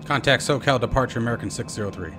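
A man's voice: mid-range voice, rapid-fire. A man playing an airline pilot in a flight sim, making clipped, procedural radio calls and readbacks to air traffic control over a cockpit headset.

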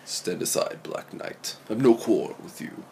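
A man voicing an earnest, dutiful male knight hero in a flat, half-whispered read. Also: low-pitched, a little fast, vocal fry, slight background noise, pitched below the performer's own voice. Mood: stern.

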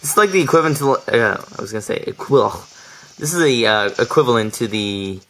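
A man's voice: mid-range voice, animated, fairly quick, a bit bright, poor audio. A young man casually commentating his gameplay, chatty and laughing often, tripping over his words. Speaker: let's play commentator. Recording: faint game music behind.

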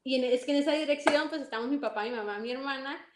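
A young woman with a Mexican accent tells her story animatedly and acts out each exchange with a high, bright voice. Her voice rings in an echoey room. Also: fast talker. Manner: animated, acts out dialogue, laughs often. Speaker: interview guest. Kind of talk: casual storytelling.

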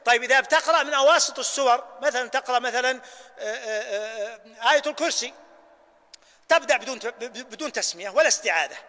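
Najdi sheikh man giving a prayer lesson, bright sharp voice, echoey hall. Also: extremely high pitch. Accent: Najdi Arabic. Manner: demonstrates recitations, drawn-out Quranic readings. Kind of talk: hands-on religious lesson. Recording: hall reverb.

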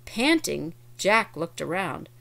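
A woman reading a children's chapter book aloud, pausing to explain words for young listeners. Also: on the low side, sing-song, a bit bright. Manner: clear, explains words as she reads.

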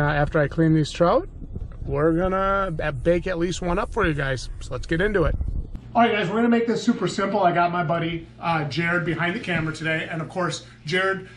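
A man's voice: a little high, normal speed, slight background noise. An American man in his thirties hosting a casual fishing vlog, talking in an enthusiastic, chummy, slangy way. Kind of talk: casual outdoor vlog talk. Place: truck cab, woods, home kitchen.

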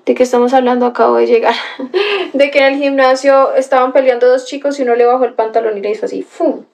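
High-voiced woman livestreaming. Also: quick pace, creaky. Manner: animated storytelling with gasps and exclamations. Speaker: livestream host reading chat. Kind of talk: casual livestream chat.

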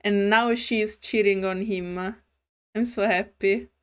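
Woman streamer, slow and giggly, mid-pitched game reading. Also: fairly even intonation, clean tone. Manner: slow, giggly and hesitant, with restarts. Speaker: gaming streamer. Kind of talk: reading a story game aloud with commentary.

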